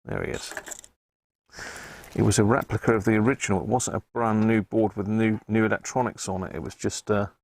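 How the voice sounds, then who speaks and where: A creaky, low-leaning voice moves at a brisk pace. He's the host of a casual electronics repair livestream, talking and reasoning aloud at his indoor workbench.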